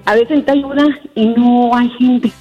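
A woman's voice: on the high side, steady tone, moderate pace, warm tone, breathy edge, dull audio, faint music behind. A woman calling a radio show to tell stories about work and family. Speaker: caller. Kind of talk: call-in radio chat.

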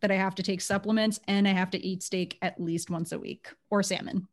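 A woman's voice: medium pitch, steady tone, fairly quick. A young woman hosting a podcast in a casual, playful and self-mocking chatty way. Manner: playful, self-mocking, slips into mock voices. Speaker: podcast host. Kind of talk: casual chat.

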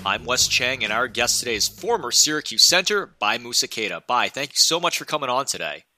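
Fast, bright-voiced male podcast host. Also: mid-range voice, very animated, no echo, faint music behind. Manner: polished, reads prepared questions. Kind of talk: scripted interview questions.

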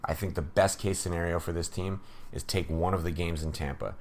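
A low-pitched man hosts a hockey breakdown show in a casual, offhand way. He gives strong opinions, drifts into sarcasm and fills pauses with ums and uhs. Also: slight background noise. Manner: opinionated, sarcastic, with fillers and laughs. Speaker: hockey podcast host.

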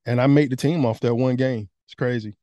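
Man telling a story, mellow voice. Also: mid-range voice, brisk, no echo, muffled recording. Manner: animated, candid, conversational. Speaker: guest. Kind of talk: casual storytelling.

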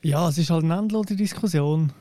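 A man's voice: fairly high pitch, normal speed, dark tone, no room sound, clean studio sound. A man with a Swiss German accent chatting casually as a panellist in a discussion. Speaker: football panellist.

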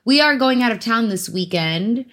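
A woman's voice: fairly high pitch, animated, moderate pace, a bit bright. A woman from Africa, hosting a casual true crime podcast in a chatty, giggly way with teasing asides. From South Africa. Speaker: podcast host.

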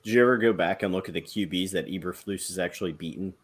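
A man's voice: low voice, fast, slightly rough. A man co-hosting a casual sports podcast, talking directly and quizzing the others. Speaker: podcast co-host.

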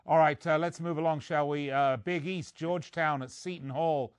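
A man's voice: a little high, fairly even intonation, moderate pace, smooth, no room sound. A man co-hosting a sports betting show, reading lines and records with jokey asides and puns.

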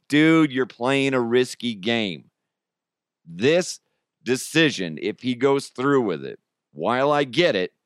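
The host, an American man with a medium-pitched and fairly bright voice, banters informally on his solo comedy podcast, using slang and chuckling through his remarks. It's a studio-quality recording with no echo.

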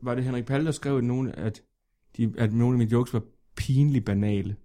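A man who is a comedian guest on a podcast, telling stories in a lively way, often laughing, his voice sore and strained. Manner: lively storyteller, laughs often, pitch leaps up. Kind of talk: casual podcast chat.

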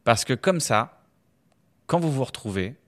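Guest comedian, French man, relaxed, mid-pitched, laughs easily. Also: unhurried. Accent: French (France). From France. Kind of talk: casual conversation.

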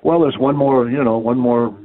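A man co-hosting a casual sports podcast, talking football in a measured way, often hedging with "I think.". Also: mid-range voice, steady tone, no room sound. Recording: tinny phone line.

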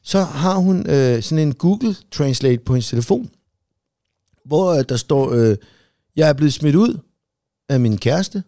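A man with a gravelly, dark voice spins a rambling story in casual podcast chat. He swears freely and fills every gap with hesitations, and his voice sounds dry and close to the mic. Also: on the high side, expressive, long pauses, no room sound. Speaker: podcast co-host.

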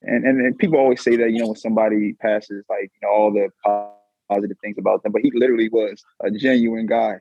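A man co-hosting a podcast, talking in a relaxed, conversational way. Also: fairly low pitch, fast talker, highs cut off, soft background music. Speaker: podcast co-host. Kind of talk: casual podcast chat.

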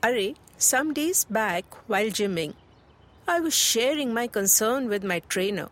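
Over a music bed, a woman with an Indian accent voices a helpful, health-conscious mother in a scripted chat. Her voice is on the high side, animated, a bit bright and a little slow. She sounds chatty and instructive, code-switching between Hindi and English.

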